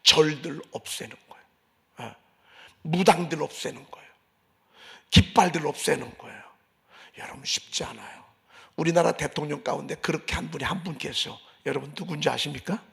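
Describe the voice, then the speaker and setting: A male pastor preaching a sermon in a church, swinging from loud declarations to hushed asides. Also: a little high, moderate pace, creaky. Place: church sanctuary.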